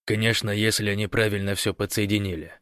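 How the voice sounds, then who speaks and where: A man voicing a sly, scheming man who feigns meekness, speaking soft and wheedling in an audiobook. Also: fairly low pitch, level tone, fast talker, no room sound, studio quality, lightly acted. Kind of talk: audiobook character voice.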